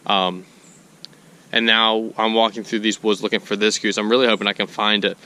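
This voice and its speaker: Winded young guy vlogging outside in the woods, rambling and correcting himself, low-ish voice. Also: flat delivery, brisk, sharp tone, a little hiss or hum. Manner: rambling, self-correcting storytelling. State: out of breath. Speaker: hunting vlogger. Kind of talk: casual vlog narration to camera. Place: outdoors, walking through woods.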